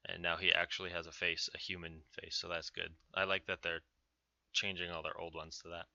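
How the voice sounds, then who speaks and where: Man, casual game commentary, offhand, clean crisp voice, slightly dull lo-fi recording. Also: sits low, level tone, fairly quick, bright, forceful tone, dry recording. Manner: informal, offhand. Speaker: gaming video host. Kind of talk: casual patch notes commentary. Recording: dull, narrow-band sound.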